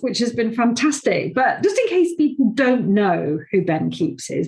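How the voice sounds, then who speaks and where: Over a video call, a woman who hosts a podcast and founded an awards program conducts a conversational interview. She chats in a rambling way, full of fillers. Her voice is on the high side, and the audio quality is poor.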